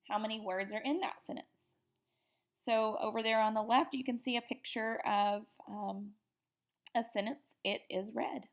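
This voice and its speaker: A woman giving an upbeat slide presentation to teachers, often pausing on fillers. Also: a little high. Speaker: teacher educator. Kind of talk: presentation lecture over slides.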